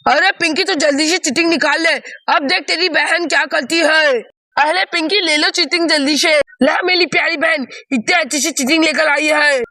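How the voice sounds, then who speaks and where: A woman's voice: high-pitched, normal speed, no echo, studio quality. Priya, a woman doing a bragging schoolgirl. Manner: bragging, scheming, excitable. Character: cheeky, boastful schoolgirl Priya. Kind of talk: doll story play-acting.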